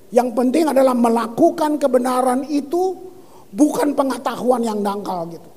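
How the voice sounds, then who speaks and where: A man preaching a lively sermon as pastor, reading scripture and exclaiming. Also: extremely high pitch, husky, big-room sound. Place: church hall.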